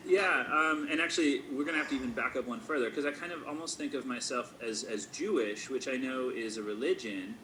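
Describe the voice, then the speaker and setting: A forty-year-old man with a bright, forward voice thinks out loud, pausing often on fillers and restarting his sentences. A faint hiss of noise sits behind him. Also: medium pitch, rough recording. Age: 40s. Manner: thoughtful, hesitant, many fillers. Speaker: school staff member. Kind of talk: casual reflective conversation.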